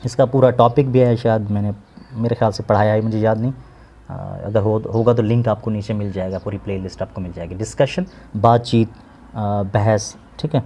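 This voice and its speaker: A man with a Pakistani accent, teaching an English lesson and explaining it slowly in Urdu, with many hesitations. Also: fairly low pitch, fairly even intonation, warm tone.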